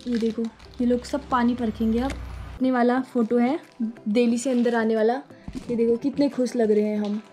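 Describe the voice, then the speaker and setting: Chatty young woman, mellow voice. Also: fairly high pitch, fairly even intonation, normal speed, slight background noise. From Uttarakhand hills. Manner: chatty, playful, teasing. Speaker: vlogger, bride. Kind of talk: casual narration over wedding photos. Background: faint background music.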